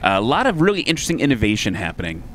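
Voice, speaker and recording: Male color commentator, mid-pitched, relaxed and chatty, faint outdoor vehicle hum. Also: very fast. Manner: easygoing and chatty, reads sponsor plugs. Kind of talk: live sports commentary.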